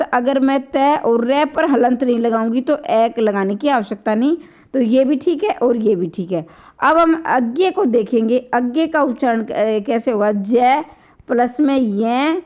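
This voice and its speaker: Woman grammar tutor, high voice, slightly sore throat, patient step-by-step explaining, dull lo-fi sound. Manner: explains step by step, repeats sounds aloud to demonstrate. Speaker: Hindi grammar teacher. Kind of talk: online exam-prep lecture.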